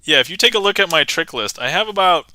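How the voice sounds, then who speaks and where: A man talks through card tricks in casual livestream patter, laughing easily between lines. His voice is vivid and bright, smooth and clean. The sound is dry and close. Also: a little high, expressive, quick pace, no echo, low-quality recording. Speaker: amateur magician livestreamer.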